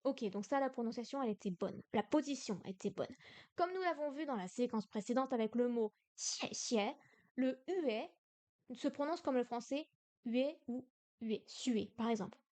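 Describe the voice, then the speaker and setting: A woman's voice: on the high side, expressive, moderate pace, darkish tone. A young woman from France in a casual livestream study session, repeating syllables aloud and exaggerating the tones. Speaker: streamer learning Chinese.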